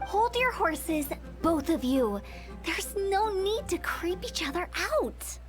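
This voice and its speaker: Mischievous young funeral director. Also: female voice, very high voice, sing-song, slow, soft background music, exaggerated voice. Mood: breezy. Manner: breezy, confident, mischievous. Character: playful young female funeral parlor director.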